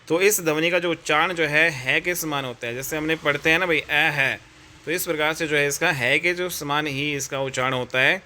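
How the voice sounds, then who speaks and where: A man with an Indian accent talks through a Hindi grammar lesson for exam students. His voice is bright and a little raised in pitch, and he keeps up a friendly, repetitive patter, calling the viewers friends and brother. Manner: chatty, repeats fillers, addresses viewers as friends and brother. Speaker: Hindi teacher.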